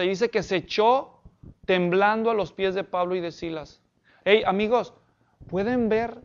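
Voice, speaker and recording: A man's voice: sits high, muffled recording. A man preaching a sermon as pastor, emphatic and often asking the congregation questions.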